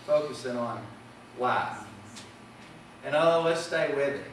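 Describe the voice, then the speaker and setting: A man's voice: mid-range voice, slow, heavy reverb, distant mic, background noise. A man preaching a sermon with impassioned delivery that rises and falls in volume. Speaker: pastor. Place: church sanctuary.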